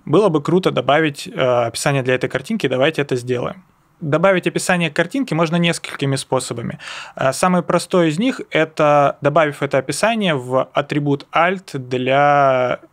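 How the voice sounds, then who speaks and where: Young man presenting a tutorial. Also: on the high side. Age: young adult. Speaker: presenter of a web accessibility lesson. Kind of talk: explanatory screencast tutorial. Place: indoors, seated at a computer.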